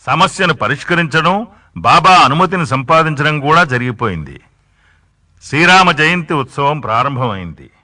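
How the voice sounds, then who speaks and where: A man narrating a devotional story in a steady storytelling voice. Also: on the high side, normal speed, dry recording, studio quality. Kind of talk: scripted narration.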